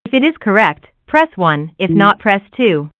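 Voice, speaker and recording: A woman's voice giving recorded phone menu prompts in an even, measured delivery. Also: mid-range voice, no echo. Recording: tinny dry phone line.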